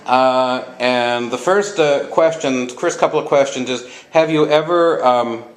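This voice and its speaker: A man's voice: mid-range voice, measured pace. A man interviewing two older men, stumbling over his questions and repeating their answers back. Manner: hesitant, restarts questions, echoes answers back. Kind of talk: informal interview.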